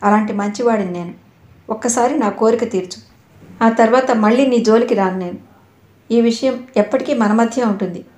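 A woman's voice: fairly high pitch, normal speed, mellow, close to an everyday voice. A woman voicing a pushy, predatory young man who pleads and sneers, in an audio novel. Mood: wheedling. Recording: echoey room.

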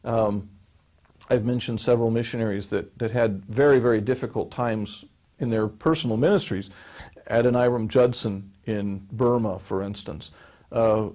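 A man in his forties explains history in a measured, lecture-like interview answer, with frequent fillers and restarts, seated in a small studio with a close mic. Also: fairly low pitch, fairly even intonation, a little mellow. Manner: gestures with his hands while speaking. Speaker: seminary professor answering questions. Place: small studio set with a wood-panel backdrop, seated.

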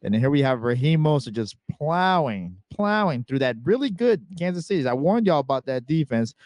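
Man, podcast host, casual sports chat, dry close sound, relaxed clip breakdown. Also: fairly high pitch, moderate pace, no echo. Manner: walks through game clips, relaxed and chatty.

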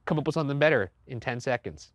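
A man co-hosting a podcast in casual chat, joking, swearing freely and reading scary stories aloud in an animated way. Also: mid-range voice, fast, no echo. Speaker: podcast co-host.

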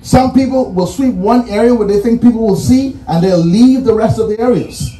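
A man's voice: high-pitched, normal speed, warm tone. Emphatic Bahamian man preaching at graduation. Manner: emphatic, repeats key phrases, numbered points. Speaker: commencement speaker. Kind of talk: commencement address with preaching cadence. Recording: roomy echo, distant mic, faint music.

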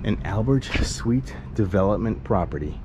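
Sitting on the low side, his voice has lively intonation and a moderate pace. The speaker is a forty-something man vlogging a casual walking tour outdoors on a sunny residential street, rambling, joking and talking to himself while holding an action camera at arm's length. The clip picks up outdoor street noise, including ambience and passing cars.

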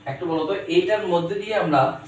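A man's voice: sits high, a little fast, very echoey, distant mic, a little hiss or hum, low-quality recording. A man teaching a children's math lesson, coaxing and repeating his questions to a young pupil.

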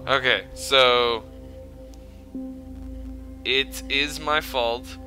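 Casting: male horror game streamer, scared and uneasy, unhurried casual commentary over loud-ish game music. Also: mid-range voice, steady tone. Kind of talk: casual let's play commentary. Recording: music behind the voice.

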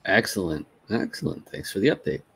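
Low-voiced man hosting a video call. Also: brisk, vocal fry, slightly rough. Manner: relaxed, hesitant, repeating words. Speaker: webinar host. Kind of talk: casual hosting.

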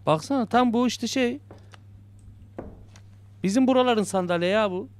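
In a high voice at normal speed, a young gaming YouTuber mutters and jokes to himself while playing a horror game. Every scare sends him yelping.

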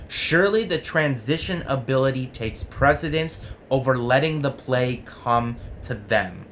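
A man's voice: mid-range voice, expressive, measured pace, a bit bright. Young guy doing sports talk, arguing with himself, earnest explainer, bit of room noise. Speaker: sports vlog host. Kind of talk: conversational sports commentary. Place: small home room with jerseys on the wall.

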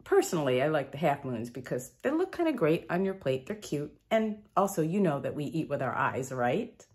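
A woman's voice: low voice, sing-song, normal speed, darkish tone, a little hiss or hum. A woman hosting her own cooking channel, talking casually and upbeat through each step of her meal prep in a home kitchen.

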